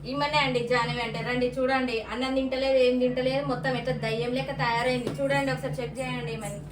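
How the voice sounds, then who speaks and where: Woman, high voice, fast talker, scolding mother, echoey room, faint noise. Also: flat delivery. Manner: scolding, brisk. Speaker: mother in comedy sketch. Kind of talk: scolding sketch dialogue.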